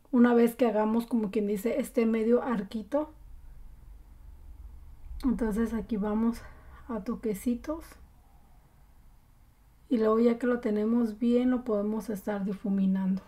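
A woman giving a relaxed, chatty makeup tutorial, with many fillers. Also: on the high side. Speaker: beauty vlogger.

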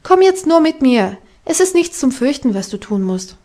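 A woman reading an audiobook voices a lively, strong-willed little Alpine girl, eager and commanding. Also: sits high, normal speed, pitched above the performer's own voice. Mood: reassuring.

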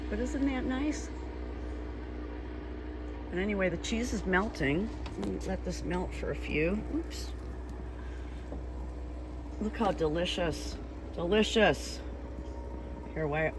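Slow, chatty woman filming outdoors. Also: medium pitch, noisy background. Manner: chatty, unhurried, rambling asides. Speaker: home cook filming herself. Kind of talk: casual cooking vlog. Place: outdoor deck by a lake. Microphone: phone held in hand.

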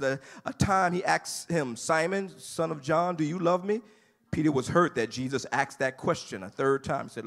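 A man preaching a sermon as pastor in a church sanctuary, moving from calm teaching to shouted, sing-song delivery. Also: on the high side, creaky.

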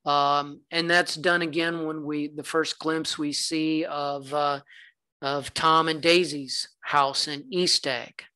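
A man's voice: a little high, flat delivery, slow, pushed and bright, clean tone. A man from the American South giving a conversational literature lecture, with some fillers, reading passages aloud. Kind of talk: recorded lecture.

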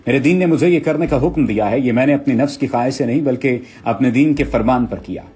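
Man reading as a resolute male warrior leader, steady, husky, mid-pitched. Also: fast talker. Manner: steady, self-assured. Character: calm, confident male warrior chief.

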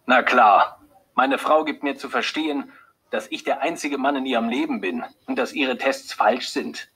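A man reading an audiobook, voicing a hot-tempered, jealous husband who speaks loudly in short, clipped bursts, with a husky voice. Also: mid-range voice, normal speed, voice pushed up. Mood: bitter. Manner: loud, clipped and furious. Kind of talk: audiobook character voice.

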